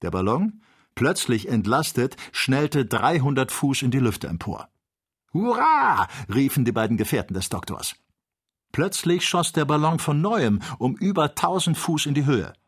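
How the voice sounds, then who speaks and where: A man reading an adventure novel aloud as an audiobook, with measured, expressive storytelling. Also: medium pitch, breathy edge. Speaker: audiobook reader. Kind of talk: scripted audiobook narration.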